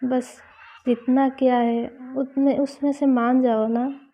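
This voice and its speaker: A woman's voice: high-pitched, flat delivery, slow. Woman voicing a teasing young college girlfriend. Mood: coaxing. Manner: teasing, coaxing. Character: playful affectionate young college woman in love. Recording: slightly dull lo-fi recording.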